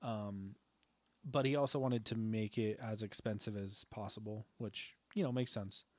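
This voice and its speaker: A man's voice: lowish voice, steady tone, normal speed, a little mellow, no room sound. Laid-back swearing male podcast co-host. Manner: laid-back, swears often, says "dude" a lot; laughs often between remarks. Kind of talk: casual film-discussion chat.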